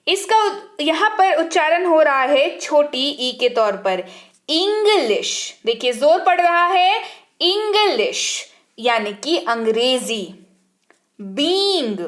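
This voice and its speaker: Woman, English teacher, high voice, slow measured delivery, spells words out letter by letter. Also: a bit bright. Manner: slow and deliberate, spells words letter by letter, asks rhetorical questions. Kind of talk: spoken language lesson.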